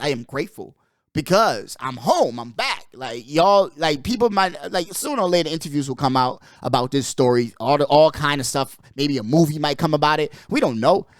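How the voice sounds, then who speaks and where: A young man from the Bahamas hosts his podcast in a loose, rambling chat, full of emphatic asides. His voice sits a little higher than most men's. The recording is dry and close, with no room sound. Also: no echo. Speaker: podcast host. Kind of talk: casual chat.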